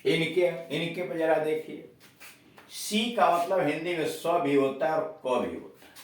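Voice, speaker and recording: Brief: unhurried male tutor drilling pronunciation, distant mic in a very echoey room. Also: fairly high pitch, slight background noise. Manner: slow, repeats example words with emphasis. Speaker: English teacher. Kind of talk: spoken pronunciation lesson.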